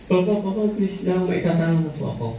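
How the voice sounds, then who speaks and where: A man's voice: high-pitched, fast, warm tone, slight background noise, lightly acted. A man voicing a small child who begs his father to answer a question, in a whiny, pleading way. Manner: whiny, begging. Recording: echoey, dull, from far off.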